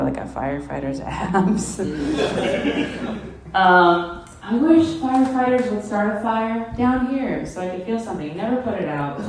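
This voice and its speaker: A woman's voice: fairly low pitch, darkish tone. A young woman doing a stand-up set, rambling and self-deprecating, often laughing at her own jokes. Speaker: stand-up comedian. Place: comedy club stage. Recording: very echoey room.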